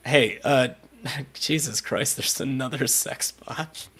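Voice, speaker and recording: A man's voice: medium pitch, takes it slowly, fairly bright tone, husky. A man hosting a casual live podcast watch party and running trivia, laughing often as he talks.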